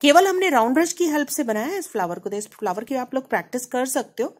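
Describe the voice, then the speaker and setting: A woman from India, speaking with an Indian accent, walks viewers through a painting lesson in a chatty, conversational way. Her voice is lively, rising and falling a lot as she explains. It has a slightly husky edge. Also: high voice, fast. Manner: chatty, repeats "है ना" to check in. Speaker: painting teacher. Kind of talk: casual tutorial explanation.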